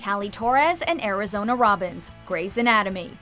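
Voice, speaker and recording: A woman's voice: medium pitch, lively intonation, moderate pace, a bit bright, faint music behind. A woman reading scripted narration as the narrator of a countdown video.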